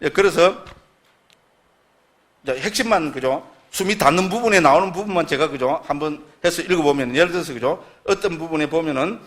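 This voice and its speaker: With a fairly high, fairly bright voice and a slightly quick pace, a middle-aged man lectures casually on Buddhist scriptures. He's talkative and keeps seeking his audience's agreement.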